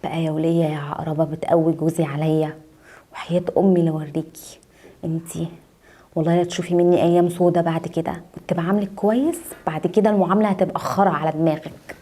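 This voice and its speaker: A woman's voice: fairly low pitch, fairly even intonation, rapid-fire, mellow, lightly acted. A woman with an Egyptian accent playing a vengeful young wife muttering bitter threats. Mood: spiteful. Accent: Egyptian Arabic. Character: spiteful young wife, sharp-tongued and vengeful.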